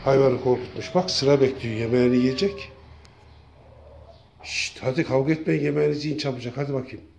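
A man's voice: mid-range voice, fairly quick, gravelly, highs cut off, slight background noise. Man coaxing his cats with calls. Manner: coaxing, repetitive calling; gently scolding. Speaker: cat feeder. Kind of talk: casual talk to pets.

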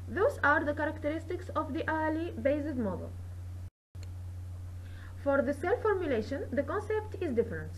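High-pitched woman presenting research slides. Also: a little hiss or hum, low-quality recording. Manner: measured, steady explanatory delivery with occasional restarts. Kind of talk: reading a technical slide presentation.

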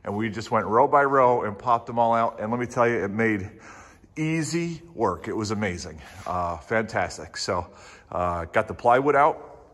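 A man's voice: on the low side, animated, normal speed, fairly bright tone. A middle-aged man narrating a casual walkthrough of his barn project, rambling with lots of fillers, filmed on a handheld phone inside a large metal barn. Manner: rambling, many fillers, folksy. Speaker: DIY barn builder. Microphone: handheld phone camera.

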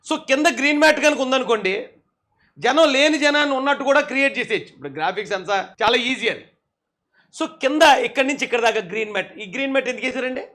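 Sarcastic high-voiced male commentator. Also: expressive, fast, bright, forceful tone. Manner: sarcastic, scolding, often laughing. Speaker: political commentator. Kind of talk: mocking video commentary.

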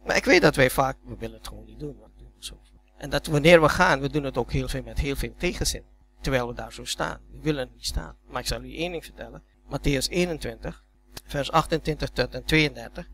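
Gravelly-voiced male preacher, conversational sermon. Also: a little high, a bit bright, slight background noise. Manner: conversational storytelling, rising to emphatic peaks; repeats words when restarting. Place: church hall.

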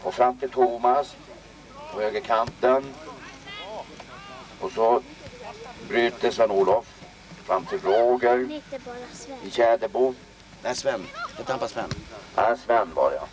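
A man giving live play-by-play commentary on a local football match outdoors, excitedly calling out player names. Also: mid-range voice, long pauses, recorded from a distance.

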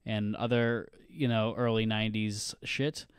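A man's voice: lowish voice, little pitch movement, measured pace, clear, resonant tone, no echo, studio quality. A man hosting a podcast in casual chat, rambling through lists of names with many fillers. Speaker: podcast host.

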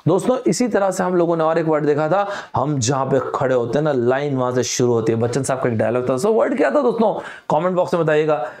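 A man's voice: fairly high pitch, quick pace, hardly any pauses, a little mellow. A young man from India teaching vocabulary online, playful, acting out both himself and his students and quoting film lines. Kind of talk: lively Hindi vocabulary lesson.

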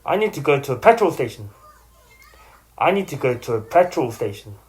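A woman saying short example phrases twice, slowly and carefully. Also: very deep voice, sing-song, a little mellow. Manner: says each phrase twice, slow and careful. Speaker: example speaker.

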